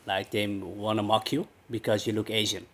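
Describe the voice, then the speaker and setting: A man in his thirties, born in the Netherlands, answering interview questions hesitantly with many pauses. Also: on the low side. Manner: hesitant, many fillers, flat delivery. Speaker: guest, personal trainer. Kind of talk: casual interview.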